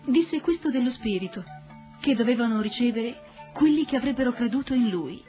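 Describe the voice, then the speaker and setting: Woman narrating scripture, solemn and steady. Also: a little high, fairly quick, faint music behind.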